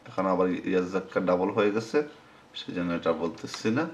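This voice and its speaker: A man teaching Quran recitation in a screen-recorded lesson, sounding out syllables slowly and repeating them. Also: low-pitched, a little hiss or hum.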